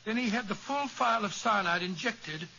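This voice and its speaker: An actor playing a loyal, blustering older British doctor in an earnest 1940s radio style. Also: male voice, sits high, lively intonation, moderate pace, vocal fry, sharp tone, exaggerated voice. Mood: earnest, puzzled. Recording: dull old radio recording, faint noise.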